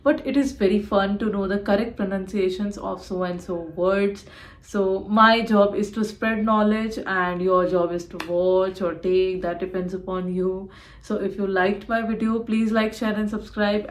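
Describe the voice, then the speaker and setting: A woman's voice: mid-range voice, steady tone. Woman teaching pronunciations. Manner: explains patiently, repeating each word slowly. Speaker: YouTube creator. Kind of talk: pronunciation tutorial.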